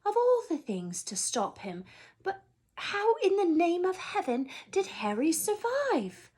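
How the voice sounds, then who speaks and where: A woman's voice: extremely high pitch, huge pitch swings, slow pace, a little mellow, voice pushed up, full character voice. A woman voicing a stern, anxious older witch professor from a storybook, emphatic and incredulous. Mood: astounded.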